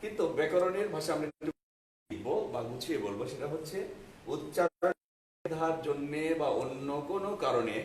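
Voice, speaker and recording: A man's voice: on the high side, animated. A middle-aged man teaching an online grammar class, patient and repetitive, often checking that his students have understood. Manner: patient, repeats points slowly, asks students if they understood. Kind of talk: online exam-prep grammar lesson. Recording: echoey far-off mic with faint noise.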